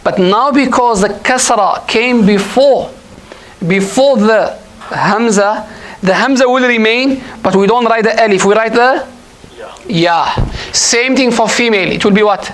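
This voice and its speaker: A man's voice: high-pitched, measured pace, a bit bright, a little hiss or hum, low-quality recording. A man teaching an Arabic grammar class at a mosque, patient and repetitive, often quizzing his students. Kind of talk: classroom lesson.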